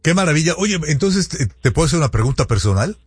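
A man's voice: a little high, big pitch swings, fast talker, husky, no room sound, faint music behind. Dry-sounding male radio host. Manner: brief affirming replies and questions. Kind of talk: radio interview.

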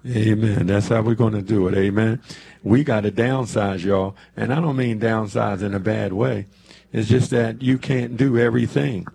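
A man in his seventies hosts a church radio show from the studio, chatting casually in an easy preacherly way and dropping amens as he goes. His lowish voice is gravelly and warm, with a steady tone and moderate pace.

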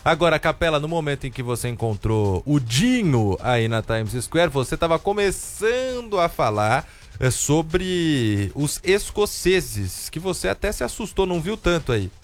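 Animated male radio host. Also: fairly high pitch, unhurried. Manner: conversational, animated. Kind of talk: studio radio show.

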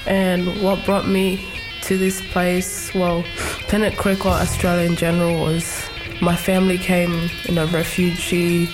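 A young woman from South Sudan telling her own story for a radio segment, halting and full of restarts. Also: on the low side, completely flat delivery. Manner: halting, with many restarts and "like" fillers. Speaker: interviewee sharing her story. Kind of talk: personal testimony for radio. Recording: music bed under the voice.

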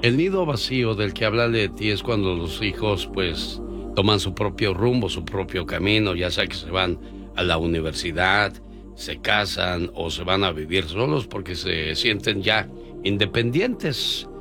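A man's voice: low voice, measured pace. A man hosting a morning radio call-in show, chatting with callers and telling folksy stories. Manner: folksy storytelling, playful. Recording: radio broadcast with music bed.

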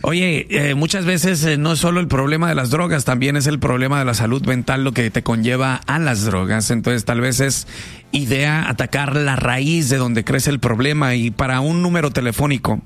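A man's voice: mid-range voice, moderate pace. A man hosting a casual call-in radio show, chatty and slangy. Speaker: radio host.

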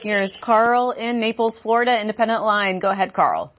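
Smooth-voiced woman radio host. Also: medium pitch, normal speed, a bit bright, dull audio. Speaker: call-in radio show host. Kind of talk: introducing callers on air.

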